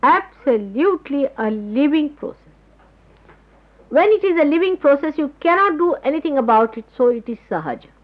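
A woman giving a spiritual talk to followers, explaining patiently and pausing to search for words, on an old tape recording. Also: high voice, expressive. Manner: explanatory, gropes for words with pauses. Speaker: spiritual teacher. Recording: dull lo-fi 1979 tape recording.

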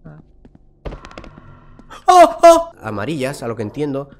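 Jumpy Mexican man gaming, yelling when startled. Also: on the high side, huge pitch swings, unhurried. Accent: Mexican Spanish. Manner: jumpy, swears a lot, yells and laughs when startled. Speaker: gaming YouTuber. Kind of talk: horror game let's play commentary.

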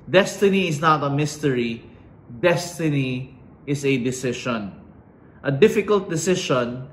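Slow, dramatic middle-aged man speaking. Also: a little high, a bit bright. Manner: slow and dramatic, with emphatic pauses. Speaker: commencement speaker. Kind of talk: inspirational speech. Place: indoors against a plain wall. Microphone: fixed camera at chest framing. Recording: roomy echo.

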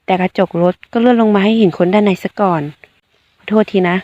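Woman reading a romance web novel out loud, blunt slangy first-person narration. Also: mid-range voice, fast, no echo, lo-fi sound. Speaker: audiobook reader.

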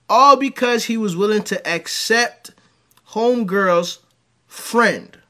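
This man's voice is high-pitched and slow-paced as he hosts home-studio reaction commentary from a dimly lit room with green light. He's animated and rambling, spinning crude stories peppered with crude jokes.

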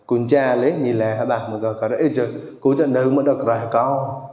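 A man performs traditional verse, calling out with sharp exclamations and drifting into song now and then. His voice sits at an ordinary middle pitch. It rings through a big hall, and each line trails off in a long echo. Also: steady tone, a little fast. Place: monastery hall. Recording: echoey hall with long reverb.

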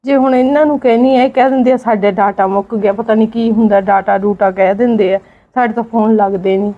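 A woman acting as a meek elderly village mother in a homemade family drama, speaking softly in a pleading, resigned way. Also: on the high side, fairly even intonation, quick pace, dull audio, lightly acted. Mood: gentle. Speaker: neglected old mother in a family skit.

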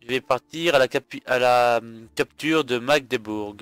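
A man's voice: medium pitch, normal speed, fairly bright tone, clean tone, no echo, soft background music. Tired man narrating his strategy game. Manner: thinks aloud with hesitations and fillers. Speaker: gaming video host. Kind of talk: let's play commentary.

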